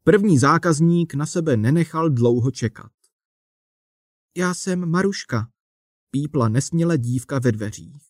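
A man's voice: mid-range voice, darkish tone, no room sound. Man reading a wry story, dry sound. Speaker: narrator. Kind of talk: reading a humorous story aloud.

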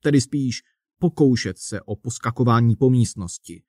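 A man narrating a humorous story aloud in a wry, even manner. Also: mid-range voice, no room sound, clean studio sound.

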